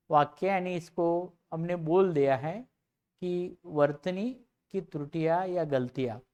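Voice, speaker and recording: A teacher gives a recorded lecture to students, explaining slowly and repeating example words one at a time. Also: mid-range voice, darkish tone.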